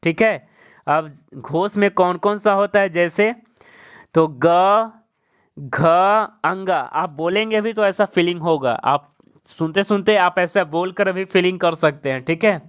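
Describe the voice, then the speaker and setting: A man's voice: high-pitched, a little slow, clean tone. A man teaching an exam-prep grammar lesson, who repeats each point, asks questions and answers them himself, and keeps saying "okay" as a check-in.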